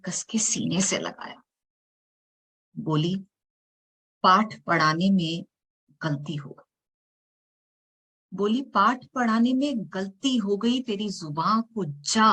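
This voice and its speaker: A woman poet reciting her own spoken word poetry for an online event, mixing casual talk with dramatic delivery that swings between hushed and loud lines. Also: mid-range voice, slightly rough, rough recording. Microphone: video call.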